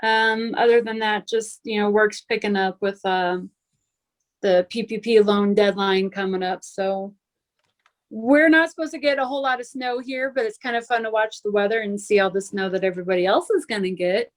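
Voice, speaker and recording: A woman's voice: medium pitch, steady tone, normal speed. A woman who hosts her own podcast, guesting and chatting breezily on a video call.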